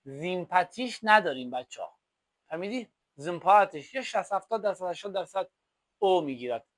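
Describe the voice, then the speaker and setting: A male teacher and native Persian speaker explaining German grammar, drawing out example phrases slowly and repeating them as drills. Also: sits high, lively intonation, no echo. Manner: slow, drawn-out German example phrases between quick explanations. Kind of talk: language lesson explaining examples.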